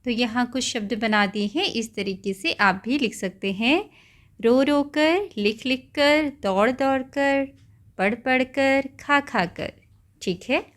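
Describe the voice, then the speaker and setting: A woman with a fairly high voice talks young pupils through a textbook lesson. She goes step by step, stops to explain simple meanings and keeps checking in with a gentle "okay". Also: slow pace. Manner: patient, repeats and explains words simply; often checks in with "okay" and "right". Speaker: teacher.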